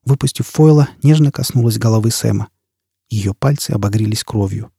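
A man narrating an audiobook in a dramatic, steady way. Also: lowish voice, brisk, gravelly, slightly rough, no echo, studio quality.

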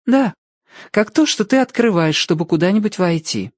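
A man reading the part of an odd, pale young woman who is calm and stubborn, in a lilting, matter-of-fact way. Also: high voice, moderate pace, no echo, clean studio sound, pitched above the performer's own voice.

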